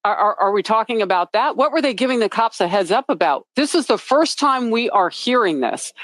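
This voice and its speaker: A man's voice: sits high, expressive, a little fast, fairly bright tone, no room sound. A man questioning the news in an incredulous, stumbling way.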